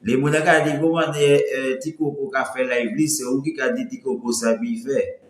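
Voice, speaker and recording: A man's voice: medium pitch, fairly even intonation, brisk. A man talks in a loose, rambling way on his live stream, with a light voice that breaks when he strains it. The sound echoes around the room. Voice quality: voice thin and cracks when pushed. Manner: rambling, greets viewers by name, mixes in Creole. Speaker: livestream host. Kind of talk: casual live-stream talk.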